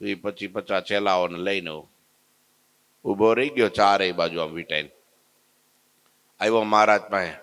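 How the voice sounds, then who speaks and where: Bright-voiced man telling a sermon story. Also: fairly low pitch, normal speed, pauses often. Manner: vivid, dramatic storytelling. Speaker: religious storyteller.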